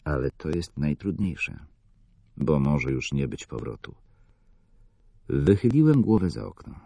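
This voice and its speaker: A man narrating a novel in the first person, measured and somber. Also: extremely low pitch, big pitch swings, gravelly, dark tone, breathy edge, dry recording. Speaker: audiobook narrator.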